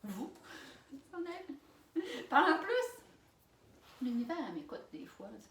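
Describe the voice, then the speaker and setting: Une jeune femme à l'accent québécois qui raconte une anecdote en vlog, de façon animée, avec des rires et des exclamations fortes. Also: female voice, sits high, takes it slowly. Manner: animated, laughing storytelling with loud exclamations. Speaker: vlogger. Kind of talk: storytime vlog. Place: alone in a room. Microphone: camera mic. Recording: roomy sound from a distant mic.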